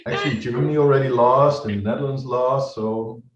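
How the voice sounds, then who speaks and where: A man in a casual online chat, relaxed and teasing. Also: mid-range voice, a little fast, highs cut off. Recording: echoey room with faint noise.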